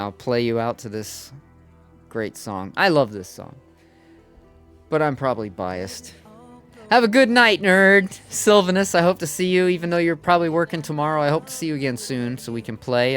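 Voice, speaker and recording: A streamer chatting casually on a livestream, rambling and laughing often with the viewers. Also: medium pitch.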